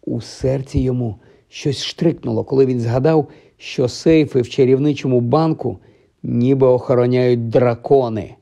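Man narrating an audiobook, mellow tone. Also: mid-range voice, steady tone, moderate pace, creaky, muffled recording. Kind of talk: scripted storybook narration.

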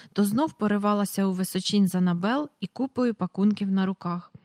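A woman reading a children's storybook aloud in an even, clear narration. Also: medium pitch, no echo, clean studio sound. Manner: even, clear reading, reads out page numbers. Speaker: audiobook reader.

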